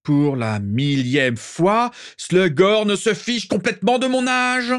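A man's voice: medium pitch, big pitch swings, normal speed, a little mellow, dry recording, clean studio sound, pitched above the performer's own voice. A man voicing an indignant young man who protests his innocence, in a storybook reading. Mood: shouting. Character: defiant young man, defensive and proud.

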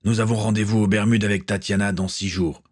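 A man voicing a ship's captain who lays out a plan in a steady, authoritative way. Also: lowish voice, a little fast, natural voice. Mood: serious. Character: ship captain, calm, commanding man.

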